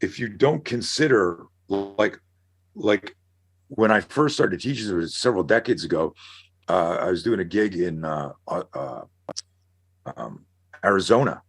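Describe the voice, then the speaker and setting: A middle-aged man on a podcast, an animated storyteller who acts out scenarios as he talks. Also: low-pitched, unhurried, slightly rough. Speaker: guest, self-defense instructor. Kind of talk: casual podcast conversation.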